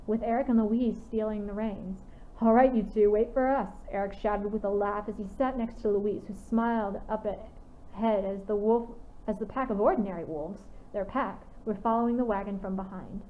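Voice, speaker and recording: Woman reading a story on tinny audio. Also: mid-range voice. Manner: steady reading with occasional restarts. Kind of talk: reading fan fiction aloud.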